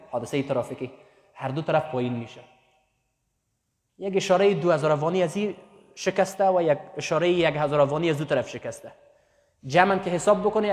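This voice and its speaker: A man delivers a sermon in a high, carrying voice, hammering his points home through repetition. He climbs in pitch whenever he stresses a point. The recording rings with the long reverb of a large hall. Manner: emphatic, repetitive, voice rising on key points. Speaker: preacher.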